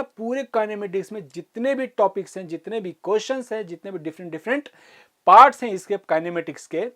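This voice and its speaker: A woman teaching an online physics class for exam students. She explains step by step, slows down to dictate formulas, and keeps checking that students follow. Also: mid-range voice, darkish tone. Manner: explains step by step, often asks "ठीक है?" to check understanding.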